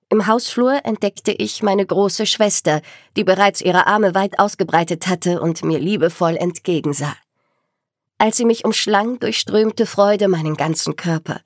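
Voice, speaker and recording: A woman reading a novel aloud in the first person, with expressive, measured storytelling. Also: mid-range voice, no room sound, clean studio sound. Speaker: audiobook narrator.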